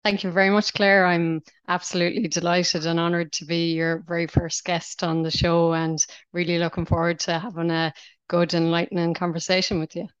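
A woman in her thirties with a west of Ireland accent chats as an interview guest. Her voice is smooth and lowish, with very little rise and fall. The audio is slightly dull. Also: level tone, brisk, no echo. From County Mayo, west of Ireland. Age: 30s. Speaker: podcast guest, Gaelic footballer. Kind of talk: conversational interview answers.

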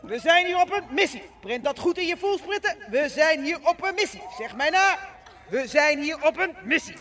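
A bossy little insect sergeant in a children's drama. The voice is very high and bright, barking short military orders at recruits, heard a little way from the mic. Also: male voice, expressive, brisk, recorded from a distance, full character voice. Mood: stern, commanding.

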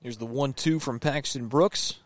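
A man's voice: mid-range voice, normal speed, no room sound. Man calling live baseball play-by-play. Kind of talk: live sports commentary.

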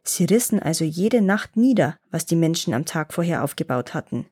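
A woman voicing a wise old grandfather gnome who tells old tales in a calm, measured way, reading a fairy tale aloud. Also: deep voice, husky. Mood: telling. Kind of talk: storybook reading.

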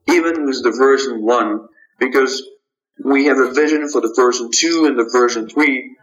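A man from Kazakhstan speaks slowly and deliberately as a guest founder on a podcast, often stopping to restart his phrases. His voice comes through a dull, lo-fi line. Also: medium pitch, fairly bright tone. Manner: halting, measured, frequent restarts. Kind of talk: podcast interview answers.

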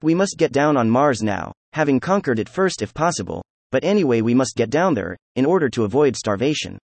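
Reading a classic science fiction story as scripted narration, this male audiobook narrator keeps his delivery even and unhurried, barely altering his voice for dialogue. He has a creaky mid-range voice, recorded with no echo.

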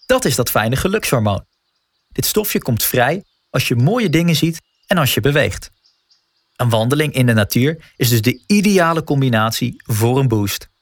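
A man's voice: mid-range voice, expressive, normal speed, dry recording. A man narrating a scripted guided wellness walk as a coach, speaking informally and encouragingly straight to the listener.

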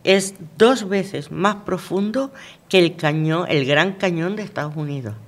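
A man's voice: sits high, measured pace. A man from Venezuela co-hosting a casual radio chat, rambling and repeating words while he looks for them. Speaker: radio co-host. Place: local radio studio.

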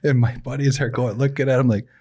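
A man's voice: medium pitch, fairly even intonation, quick pace, mellow, slightly rough. A middle-aged man hosting a podcast, telling stories in a casual chat and laughing often. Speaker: podcast host.

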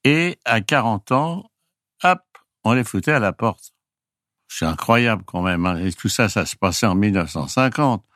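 An older man tells stories from his flying years in a loose, wandering way. His voice sits low, and he laughs softly and restarts his sentences as things come to him. The sound is dry and close, with no room around it. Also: animated, normal speed, no room sound. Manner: rambling, chuckling, restarts mid-sentence. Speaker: retired flight crew member. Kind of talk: casual anecdote storytelling.

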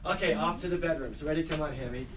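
A man teaching a high school class, lively and directing students to act out a scene. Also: racing, a little hiss or hum, poor audio.

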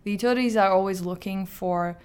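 Clear-voiced woman. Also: mid-range voice, a little fast, a little mellow. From Azerbaijan. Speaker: interview guest, startup founder. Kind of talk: conversational interview.

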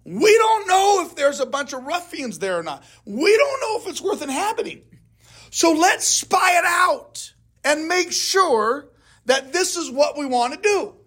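A man's voice: very high-pitched, sing-song, fairly bright tone, voice pushed up, exaggerated voice. A man voicing an anxious crowd of wanderers who keep stalling and pleading for caution. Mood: fretful. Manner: nervous, hurried pleading.

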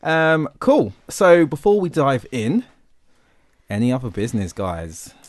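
A man's voice: medium pitch, sing-song, measured pace. A man hosting a podcast in casual chat, rambling and stumbling over his words. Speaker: podcast host.

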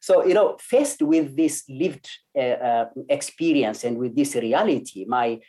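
A man's voice: mid-range voice, expressive, a little slow, dark tone. A man from Ethiopia speaking as a lecturer on an online panel, hesitant with many fillers and restarts. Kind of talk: academic panel talk.

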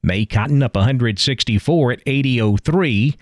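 A male radio anchor delivers scripted market news in a measured broadcast manner. His pitch is mid-range and the sound is close and dry. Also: no echo.

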